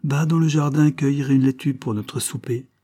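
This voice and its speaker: A man voicing an elderly lady, a reserved and worried mother, speaking in a soft, restrained half-voice. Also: medium pitch, steady tone, normal speed, voice pushed up, close to an everyday voice.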